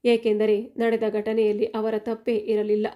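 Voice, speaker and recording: A woman narrating a first-person family story in a steady, even reading. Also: on the high side, moderate pace.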